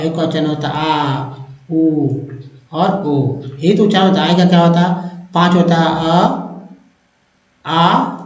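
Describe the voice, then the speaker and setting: A man gives an English pronunciation lesson, breaking words into their vowel sounds and repeating each one slowly. His voice sits fairly high. The recording rings with room echo and sounds a little dull. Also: a little mellow. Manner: explains step by step, repeats sounds slowly, addresses viewers as friends. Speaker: English teacher.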